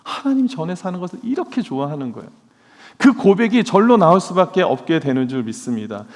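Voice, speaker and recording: A man's voice: sits high, very animated, brisk. A male pastor preaching a sermon in a church, earnestly asking his congregation questions. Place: church sanctuary. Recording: long church hall reverb.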